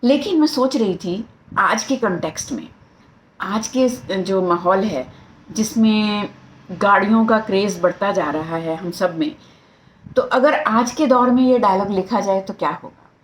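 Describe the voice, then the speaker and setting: A middle-aged woman with an Indian accent, a life coach and psychologist, giving a lively motivational talk to camera and mixing in English phrases. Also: mid-range voice, a little slow, a little hiss or hum, poor audio.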